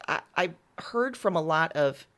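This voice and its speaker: A woman writer and audio drama creator gives casual, candid interview answers, speaking informally and swearing now and then. Her low voice is expressive, a bit bright, and a little slow.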